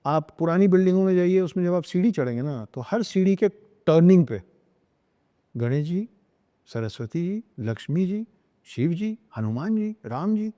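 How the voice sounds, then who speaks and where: A man talking earnestly as a podcast guest, hammering his points home with repeated phrases and bits of English. His voice sits a little high but sounds dark and mellow. A long reverb trails after his words. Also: expressive, normal speed. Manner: emphatic, lecturing, repeats phrases and slips into English. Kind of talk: earnest podcast talk on spirituality and parenting.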